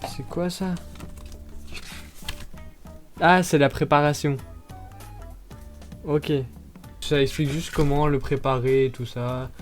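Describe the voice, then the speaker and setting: A man's voice: fairly high pitch, steady tone, takes it slowly, long pauses, faint music behind. A man chatting casually while unboxing products, hesitating often with fillers and breaking into short laughs.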